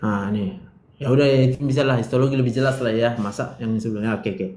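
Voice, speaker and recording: A man's voice: medium pitch, steady tone, fast talker, darkish tone. Brash male lecturer quizzing students. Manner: quizzing students, joking, brash direct address. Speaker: medical lecturer. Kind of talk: classroom lecture. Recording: roomy echo, faint room noise.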